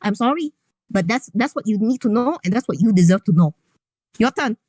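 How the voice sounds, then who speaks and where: Woman, high animated voice, lecturing, mocking quoted voices, dry close sound. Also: fairly quick, dry recording. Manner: lecturing, mocks the other person in quoted voices. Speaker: caller in a voice call. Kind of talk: heated voice call confrontation.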